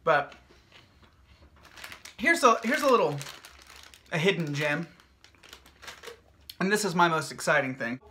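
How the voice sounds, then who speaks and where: A man's voice: a little high, very animated, measured pace, long pauses, bright, forceful tone, a little hiss or hum. A man hosting his own hot sauce vlog, chatting casually in an upbeat, jokey, rambling way with plenty of fillers. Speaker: hot sauce maker and video host.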